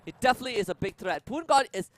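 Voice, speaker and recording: Male esports co-caster, high voice, explanatory live analysis, animated commentary. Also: racing.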